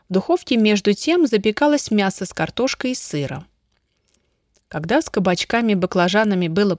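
A woman reads a story aloud in a steady, even narration. Her voice sits in a middle register. The recording is dry and close, with no room sound. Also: mid-range voice, dry recording. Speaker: audiobook narrator. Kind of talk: scripted narration.

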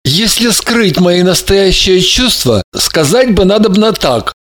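A man's voice: high voice, lively intonation, slow, a bit bright, heavily acted. A man voicing an anguished young man who believes he is cursed, speaking in a pleading, despairing way in an audiobook. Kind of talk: audiobook character reading.

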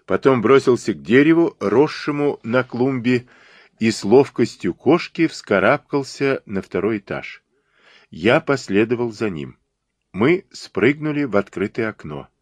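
A man narrating an audiobook in an expressive, dramatic reading, recorded on a close studio mic. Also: mid-range voice, unhurried, no echo. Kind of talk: scripted narration.

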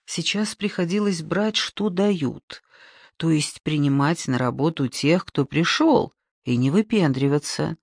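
A narrator reading a novel aloud in an expressive storytelling manner. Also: mid-range voice, unhurried, no echo, clean studio sound. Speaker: audiobook narrator. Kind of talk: scripted audiobook narration.

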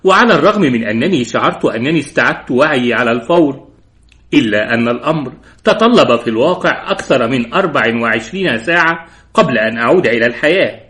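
A man's voice: mid-range voice, animated, quick pace, a bit bright. A man narrating a detective novel as an audiobook, reading steadily and giving the quoted dialogue only light voicing. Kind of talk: scripted narration.

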